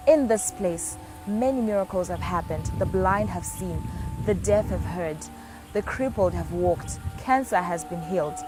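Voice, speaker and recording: Woman narrating a reverent site tour. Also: medium pitch. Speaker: guide narrating a tour of a church prayer site. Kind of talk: documentary narration. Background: music.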